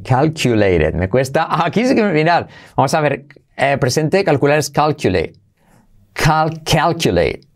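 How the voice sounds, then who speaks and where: A male pronunciation teacher gives a lesson. He explains at a brisk clip, then drags the example sentences out slowly, sounding each one out with care. His voice sits at an ordinary middle pitch. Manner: slow, careful repetition of example phrases; switches between quick explanation and drawn-out demonstration.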